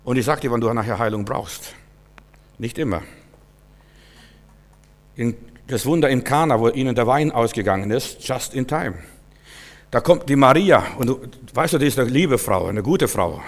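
A man's voice: medium pitch, lively intonation, moderate pace, pauses often. A man preaching a sermon in a folksy way, acting out the figures he quotes. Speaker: pastor. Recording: long reverb of a hall.

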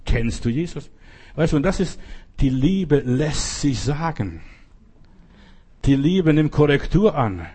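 A man's voice: a little high, expressive, takes it slowly, pauses often, mellow, husky. A man preaching in an informal sermon style, earnestly talking straight to the listener. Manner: earnest, addresses listener directly. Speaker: evangelist preacher.

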